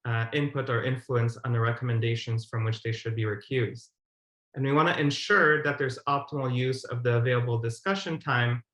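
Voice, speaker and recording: This is a formal, step-by-step explanatory talk from a man presenting a webinar over video call. His voice sits at medium pitch with a fairly bright tone, and the indoor room gives the recording a roomy echo.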